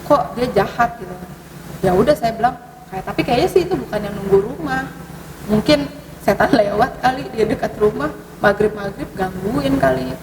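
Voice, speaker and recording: A woman recounts eerie events in relaxed conversation, hesitant and full of fillers, her pitch jumping up as she talks. Her fairly high voice sounds distant from the mic, carried in a long, echoing hall, with clear background noise. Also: normal speed. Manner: hesitant, many fillers, sudden rises in pitch. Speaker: podcast guest telling ghost stories. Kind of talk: casual storytelling conversation.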